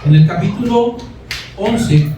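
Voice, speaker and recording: Male preacher, slightly high voice, heavy room echo, distant mic. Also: expressive, slow pace, noisy background. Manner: conversational storytelling, frequent "¿cierto?" tags. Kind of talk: sermon with personal testimony. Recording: echoey room, mic far off.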